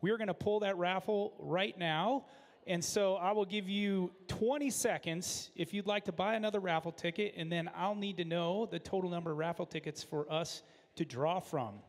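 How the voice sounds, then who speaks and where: A man hosting an event with unscripted announcements, often pausing mid-phrase. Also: sits high. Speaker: event host. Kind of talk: unscripted announcements at a benefit auction. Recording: echoey hall with long reverb.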